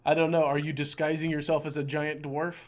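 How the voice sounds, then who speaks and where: A man running a tabletop game as game master, excitable and prone to swearing and stumbling over his words. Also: fairly high pitch, brisk.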